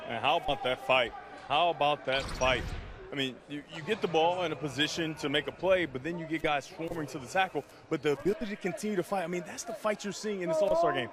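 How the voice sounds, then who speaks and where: A man's voice: a little high, fast talker, crowd noise. A man giving football color commentary from the sideline of an outdoor game, talking in a conversational, explanatory way and often checking in with "right?". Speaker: sideline analyst.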